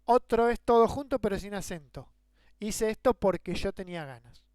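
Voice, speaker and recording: A man with a high-pitched, slightly mellow voice and a Rioplatense Spanish accent teaches grammar at a moderate pace in a dry recording. The lecture works through examples and leans on rhetorical questions.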